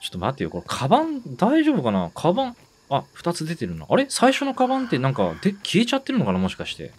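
Excitable man narrating his gameplay. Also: on the high side, quick pace, slight background noise. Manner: excitable, talks to himself, repeats words in bursts. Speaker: game streamer. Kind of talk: let's-play commentary.

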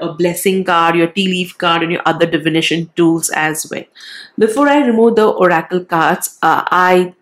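A woman with a head cold, her voice nasal and set slightly low. She gives a casual tarot card reading in a gentle, reassuring way. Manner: gentle, reassuring, frequent "wow" and "all right".

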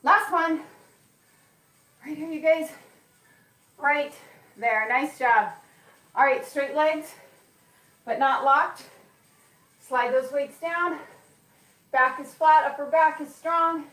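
A woman's voice: sits high, slow, long pauses, a bit bright. A woman fitness instructor coaching a live workout class, encouraging and counting reps aloud, with an occasional cough. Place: gym. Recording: echoey room, mic far off.

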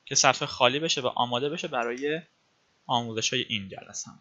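A man's voice: mid-range voice, bright, forceful tone, lo-fi sound. A man teaching web design in a screencast, explaining step by step with frequent filler sounds and calling his viewers friends. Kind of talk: screencast coding tutorial.

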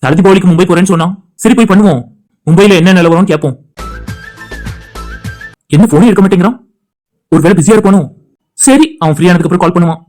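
An earnest, loyal young man in a cartoon, voiced by a woman with a lowered voice. He talks quickly and plainly, and it is all a little urgent. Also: mellow, faint music behind, lightly acted. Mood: musing.

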